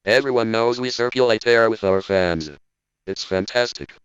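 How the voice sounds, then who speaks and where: A man voices a cold, logical robot spokesman giving a stiff, deadpan lecture, with a low, smooth, resonant voice. The recording sounds slightly dull and lo-fi. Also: moderate pace, dry recording, lightly acted. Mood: stern. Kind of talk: scripted parody monologue.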